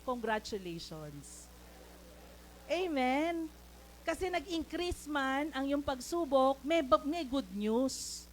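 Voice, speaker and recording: A woman's voice: high voice, a little hiss or hum, low-quality recording. A woman with a Filipino accent preaching a sermon in church, mixing English into her talk and calling for amens. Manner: mixes English into Tagalog, calls for amens. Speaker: lay preacher.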